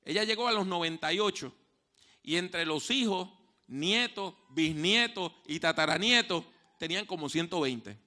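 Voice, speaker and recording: A male pastor delivers a sermon in a high, piercingly bright voice. He moves between soft, hushed moments and loud, raised passages. He slows down to repeat his main points with weight. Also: animated. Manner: storytelling preacher, swings from hushed to loud; repeats key phrases slowly for emphasis. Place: church.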